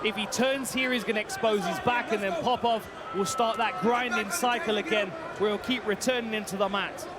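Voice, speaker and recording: A man's voice: high-pitched, steady tone, normal speed, few pauses. A man giving live technical fight commentary, explaining grappling step by step in an instructive way. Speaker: fight analyst. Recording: very noisy arena, loud crowd.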